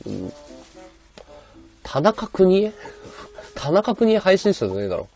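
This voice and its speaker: A man livestreaming with a high-pitched voice and a sore throat, chatting bluntly and casually while reading viewer comments. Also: sing-song, unhurried, darkish tone, soft background music. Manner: rough, blunt casual speech.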